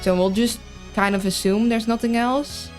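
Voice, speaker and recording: This livestreamer is a woman from the Netherlands with a mild, mixed Dutch accent and a fairly high, somewhat dark voice with fairly even intonation at normal speed. Faint music plays behind her as she chats casually and hesitantly thinks aloud through puzzle-game commentary.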